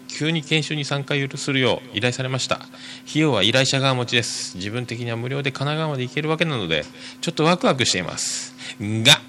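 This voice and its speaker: A man hosting a podcast, reading listener mail aloud and chatting casually in a rambling, hesitant way full of drawn-out fillers. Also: medium pitch, bright, forceful tone, slight background noise. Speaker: podcast host.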